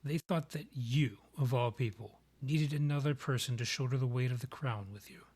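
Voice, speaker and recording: Voicing a proud vampire king of courtly manner in a scripted ASMR piece, a man speaks at medium pitch, a little mellow and natural, yet husky and breathy. His formal, theatrical, measured lines come across as both scornful and supportive.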